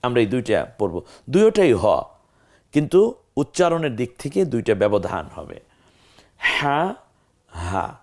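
Guy teaching quran letter sounds, says them slow and over and over. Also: medium pitch, very animated, mellow. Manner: demonstrates letter sounds slowly, repeats drills. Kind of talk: Quran pronunciation lesson.

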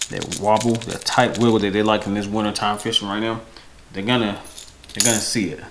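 Recorded on a noisy home camera in an echoey room with windows, a man in his thirties with a fairly low voice gives casual fishing-vlog tips about a product. He speaks to camera without a script, correcting himself as he goes.

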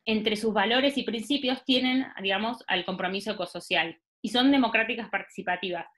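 Over a video call captured on a laptop mic, a woman in her thirties facilitates an online workshop in Argentine-accented Spanish. She talks fairly quickly in a mid-range, fairly bright voice, musing aloud with many fillers and restarts.

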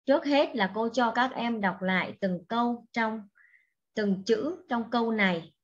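A woman teaching an English lesson to young children, speaking slowly and patiently and repeating each word for the class to echo. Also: on the high side, lo-fi sound. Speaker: primary school English teacher.

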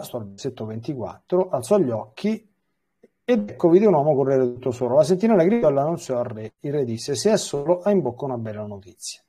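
Priest teaching scripture, husky, mellow-dark voice, reads and explains with asides. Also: male voice, medium pitch. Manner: reads passages aloud with explanatory asides and fillers. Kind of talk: Bible catechesis, reading and explaining scripture.

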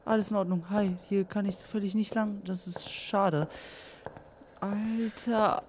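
A man commenting on a horror game as he plays. He is scared and tense, talks to himself and repeats phrases nervously, and swings between loud outbursts and near-whispers. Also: high voice, fairly even intonation, measured pace, a little hiss or hum. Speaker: let's play gamer.

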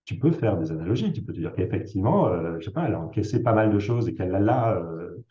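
Man, psychiatrist guest, deep dark timbre, lively pitch swings, hesitant conversational explaining, roomy echo. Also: fast. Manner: explains with worked examples, frequent hesitations. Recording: roomy, dull lo-fi sound.

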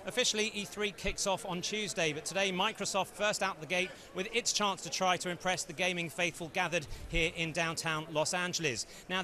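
A man delivering a news report voice-over in a measured broadcast manner. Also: high-pitched, bright, forceful tone.

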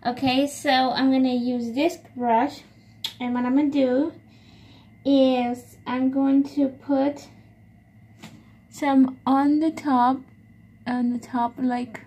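A woman's voice: high voice, fairly even intonation, slow, long pauses, mellow. A young woman chatting casually and hesitantly through a tutorial, repeating herself as she narrates what she is doing. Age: young adult. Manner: hesitant, repetitive self-narration while doing a task. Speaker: beauty vlogger. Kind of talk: casual makeup tutorial chat. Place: small room at home, indoors. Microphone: phone propped at arm's length. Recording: faint background noise, home phone recording.

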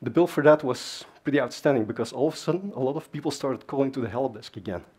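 Speaking fast in a medium-pitched, slightly rough and somewhat mellow voice, this man delivers a relaxed tech conference talk. He's a native Dutch speaker on a big darkened stage, and his conversational style is packed with fillers and side remarks.

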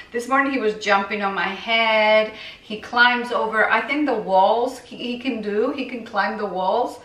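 A woman's voice: on the high side, pushed and bright. Chatty woman in an echoey kitchen. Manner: chatty, rambling. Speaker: raw vegan recipe vlogger. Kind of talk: casual kitchen demo. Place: home kitchen. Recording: echoey kitchen, mic at a distance.

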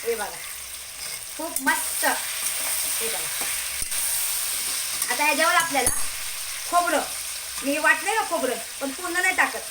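Chatty high-voiced woman cooking at home. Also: expressive, unhurried, pauses often. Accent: Marathi. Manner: chatty, keeps asking "okay?" and telling viewers to look. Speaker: home cooking channel host. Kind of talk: casual cooking demonstration. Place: home kitchen. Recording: echoey kitchen with cooking noise. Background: sizzling pan and clattering pots.

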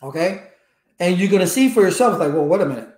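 A Cuban-born man in his fifties whose first language is Spanish teaches network engineering, talking animatedly to livestream viewers from his home office in a casual way, gesturing a lot and asking rhetorical questions. His voice is high and quick. A desk webcam picks it up with reverb.

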